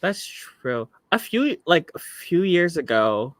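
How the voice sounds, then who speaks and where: A man's voice: fairly high pitch, sing-song, slow, no echo. A young adult drag queen co-hosting a live chat show, chatty and gushing, laughing often.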